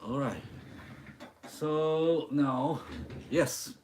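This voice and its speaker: An art teacher whose first language is Mandarin Chinese teaches chalkboard drawing live, speaking English with a Mandarin accent in a halting way as he searches for words. His voice is on the high side with a darkish tone. There's a little hiss or hum in the audio.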